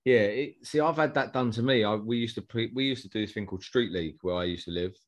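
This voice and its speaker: A man speaks in a fairly low register with an Essex accent. He co-hosts a casual football chat. His phrasing is colloquial and slangy, like talk between mates. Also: fast. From Essex, England. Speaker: podcast co-host.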